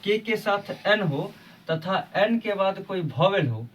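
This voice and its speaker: A man's voice: sits high, lively intonation, takes it slowly, distant mic, a little hiss or hum. A man teaching English pronunciation rules on his video channel, patiently repeating each example and asking rhetorical questions. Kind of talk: explaining a lesson on his channel.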